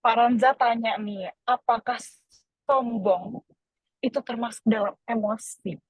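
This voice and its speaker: A woman hosting and reading out audience questions in a relaxed, chatty way. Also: on the high side, measured pace, slightly rough, no room sound. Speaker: host. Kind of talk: moderating a Q&A. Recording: dull lo-fi online talk audio.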